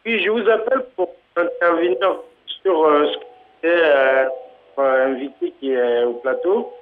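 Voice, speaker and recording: A man's voice: on the high side, expressive, a little slow. A man from Côte d'Ivoire calling into a live TV talk show, hesitant and full of fillers. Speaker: caller. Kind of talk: phone call to a live TV show. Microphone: telephone. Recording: tinny phone line.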